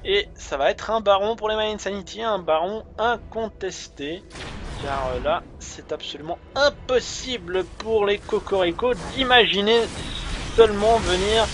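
A man's voice: high voice, animated, normal speed. A man giving live play-by-play commentary on an esports match, hesitant with many fillers, speeding up during big plays. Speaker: esports caster. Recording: commentary over loud game music.

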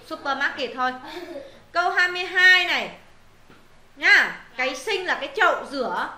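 Bright-voiced high woman teaching. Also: expressive, moderate pace, reverberant. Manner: patient, repeats words, checks students with questions. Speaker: English teacher. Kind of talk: exam answer walkthrough lesson.

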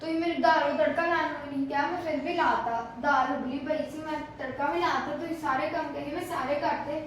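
An earnest young maid's daughter, played by a woman in a homemade drama. Her high voice comes from a distance. She is in an echoey room with faint noise behind her. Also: steady tone, quick pace, lightly acted. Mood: pleading. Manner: earnest, pleading, proud.

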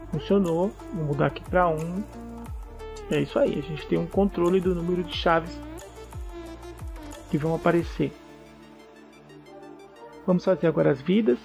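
A man talks through a coding tutorial in a relaxed, step-by-step way, often checking in with the listener. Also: a little high, creaky. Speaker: programming tutor. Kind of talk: casual screencast coding tutorial.

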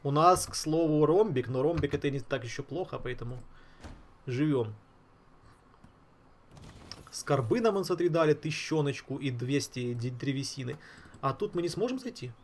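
A man's voice: a little high, animated, moderate pace, long pauses, slight background noise. A man giving casual, slangy gameplay commentary, thinking aloud and repeating himself. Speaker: gaming streamer. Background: game music.

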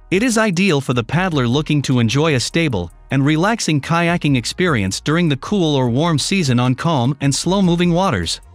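A man giving scripted voice-over narration for a product review, in an even, read-aloud listing delivery. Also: on the high side, no echo. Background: faint background music.

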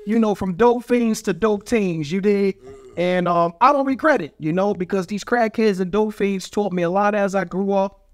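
A middle-aged street graffiti artist from Brooklyn, New York, guests on a casual podcast, speaking with a New York accent in a voice that sits high for a man, at normal speed. He's brash and boastful, packing his bawdy stories with street slang, on a boom-arm studio mic in a small foam-paneled studio.

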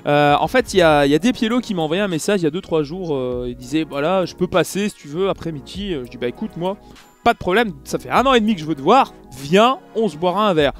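A man from France telling a casual vlog story, animated and full of fillers, acting out the people he talks to. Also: on the high side, fast, faint music behind. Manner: animated, acts out dialogue, many fillers. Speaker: YouTuber recounting an event.

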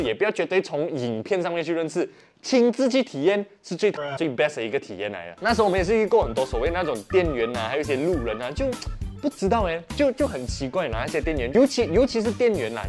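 A young Malaysian man with a Malaysian Mandarin accent, telling a casual story, animated and often asking "you know?". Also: a little high. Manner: animated, peppered with "OK" and "你懂吗". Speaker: vlogger.

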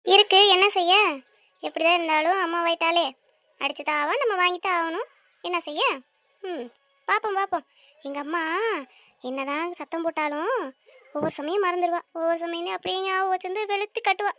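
A woman voicing a cheeky, shrill little cartoon girl. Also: fairly even intonation, a little fast, pauses often, bright, forceful tone, no room sound. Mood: chatty. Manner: teasing, scolding, chatty asides to viewers. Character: cheeky young girl, bold and sharp-tongued. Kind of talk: cartoon voice acting.

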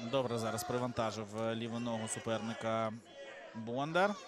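A man's voice: mid-range voice, fairly even intonation, normal speed. A man giving live sports commentary on a cage fight as a broadcast commentator. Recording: loud crowd and music behind commentary. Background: loud arena crowd and music.

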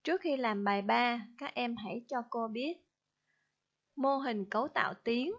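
A Vietnamese woman, a primary school teacher, explaining a spelling lesson slowly and carefully, syllable by syllable. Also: on the high side, a bit bright, lo-fi sound. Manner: slow, careful dictation-style explanation. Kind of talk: recorded online spelling lesson.

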